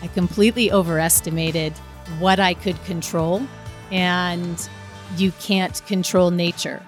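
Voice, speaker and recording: A woman with a slightly low voice tells a personal story in a lively, conversational way. She retells it vividly, and faint music plays softly behind her. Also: a little slow. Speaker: storyteller guest. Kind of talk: casual storytelling.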